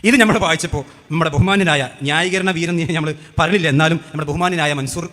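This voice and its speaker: Rapid, bright-voiced sarcastic man. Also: on the high side, steady tone. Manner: sarcastic, mocking, rapid-fire questions. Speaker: religious speaker. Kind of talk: heated rebuttal speech. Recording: echoey hall with long reverb.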